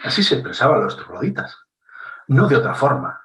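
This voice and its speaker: A man's voice: mid-range voice, sing-song, a bit bright. Emphatic Spanish man teaching, roomy echo. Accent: Spanish from Spain. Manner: deliberate, emphatic, varies intonation and pace for effect. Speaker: speaker on public speaking. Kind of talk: instructive talk with dramatic pauses. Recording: roomy echo, somewhat distant mic.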